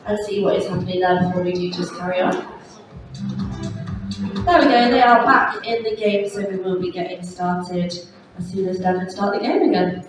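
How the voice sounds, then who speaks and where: A woman's voice: fairly low pitch, steady tone, normal speed. A woman making live announcements to players as a bingo host. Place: large indoor holiday park venue. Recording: echoey hall PA, distant, music behind. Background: music.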